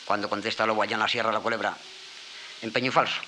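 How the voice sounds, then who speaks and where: A man telling a folk tale aloud in a casual, animated way, imitating animal sounds and restarting words as he goes. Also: on the low side, very fast, a little hiss or hum, rough recording. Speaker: storyteller.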